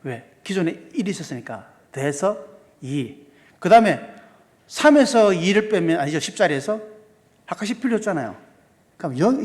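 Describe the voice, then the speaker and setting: A man's voice: a little high, a little mellow. A male pastor giving a seminar sermon, asking the congregation questions and walking through sums step by step. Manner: asks the congregation many questions. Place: church sanctuary. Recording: long hall reverb.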